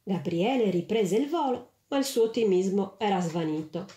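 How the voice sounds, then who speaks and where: A woman reading a storybook aloud in an expressive, lively way, in a roomy space. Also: mid-range voice, moderate pace. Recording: roomy echo.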